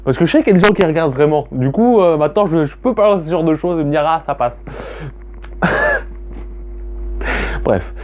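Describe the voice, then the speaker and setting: A man talking casually in a vlog about his own poems, hesitant and halting with many fillers and restarts, candid and self-deprecating. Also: a little high, lively intonation. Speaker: vlogger reading own poems. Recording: tinny phone-like sound.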